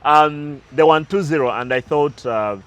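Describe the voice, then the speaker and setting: A man's voice: fairly high pitch, measured pace, a bit bright, clear, resonant tone, muffled recording. A man talking through recent football matches as a pundit, analytical and prone to side stories, with some restarts. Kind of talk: casual sports talk.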